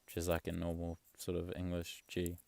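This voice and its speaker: A young man chatting casually in a vlog, rambling and relaxed, swearing offhand. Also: deep voice, moderate pace, gravelly, no room sound. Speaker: travel vlogger. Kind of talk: casual chat.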